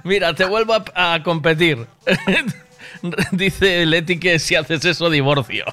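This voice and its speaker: A man's voice: on the high side, slow, bright, forceful tone, faint music behind. A man hosting a morning radio show, teasing his co-host, laughing often and singing snatches of lines. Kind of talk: joking radio banter.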